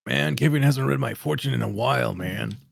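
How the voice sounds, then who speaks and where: A man's voice: mid-range voice, brisk, creaky. A man introducing his tabletop character in casual chat, laid-back and playful. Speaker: player.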